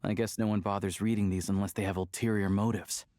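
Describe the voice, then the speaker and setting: An actor playing a steady adult male hunter in a video game, speaking calmly and practically. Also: on the low side, fast, close to an everyday voice. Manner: calm, practical and matter-of-fact. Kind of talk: game character dialogue.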